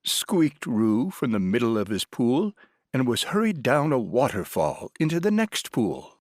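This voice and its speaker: A man narrating a children's audiobook with an expressive, animated reading. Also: mid-range voice, a little slow, no echo, clean studio sound.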